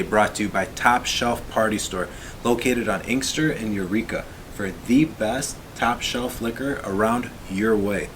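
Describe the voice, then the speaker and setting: A man in his late twenties co-hosting a casual podcast, easygoing and quick to laugh. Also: medium pitch, a little hiss or hum. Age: 20s. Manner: easygoing, laughs often, reads sponsor plugs. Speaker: podcast co-host. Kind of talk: casual chat.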